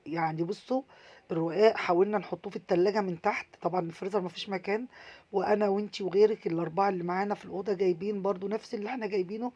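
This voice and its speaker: A woman with an Egyptian Arabic accent giving casual, earnest travel advice, animated and repeating herself for emphasis. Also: mid-range voice, very fast, dull audio.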